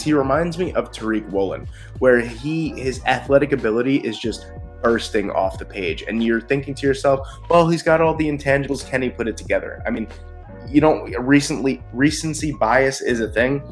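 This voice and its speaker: A man hosting a casual football mock draft video, talking with excitement and frequent restarts. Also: medium pitch, soft background music. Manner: excited, rapid-fire picks with frequent restarts. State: short of breath. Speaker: sports video host.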